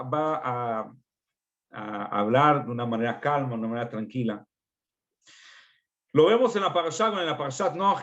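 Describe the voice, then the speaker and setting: A man's voice: on the high side, lo-fi sound. A man, a rabbi teaching a religious parenting class, earnest and explanatory, often restarting his phrases. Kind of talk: religious parenting lesson over video call. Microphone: video call.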